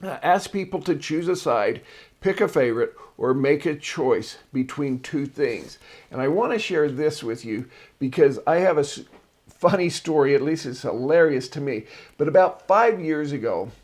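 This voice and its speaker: A man's voice: fairly high pitch, animated, moderate pace, a little mellow. A man hosting a marketing show, casually reviewing articles and drifting into personal stories. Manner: chatty and digressive, tells personal stories.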